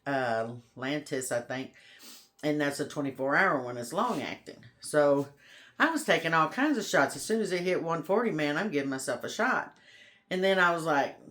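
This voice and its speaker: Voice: mid-range voice, a bit bright. A homestead vlogger in casual, rambling chat to camera, folksy and friendly in phrasing and often saying y'all.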